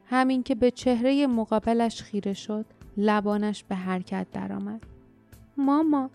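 A woman narrating an audiobook in a calm, measured storytelling manner. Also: medium pitch, gravelly. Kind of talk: scripted narration. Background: faint music.

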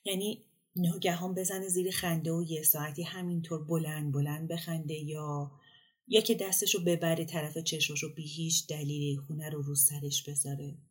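A woman narrates a literary short story in a calm, measured way. Her voice sits low for a woman. The reading is steady and unhurried, like an audiobook. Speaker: story reader.

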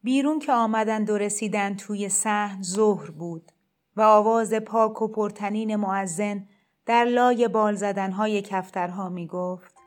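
A woman narrating a literary short story in a calm, measured reading. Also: mid-range voice.

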